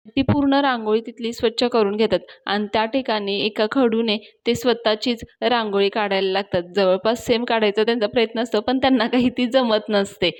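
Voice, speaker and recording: A woman reviewing a TV serial, retelling the episode in a chatty style and speaking to her viewers. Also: mid-range voice. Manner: chatty storytelling, addresses viewers directly.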